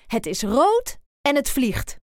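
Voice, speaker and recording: A woman voicing a quick-witted, cheeky young child who tells jokes, in a children's storybook. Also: high-pitched, big pitch swings, darkish tone, dry recording, studio quality, full character voice.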